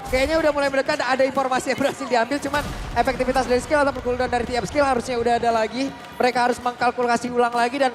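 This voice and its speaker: Indonesian man, esports analyst caster, rapid talker over clear background music. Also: very high voice, little pitch movement. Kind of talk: live esports commentary.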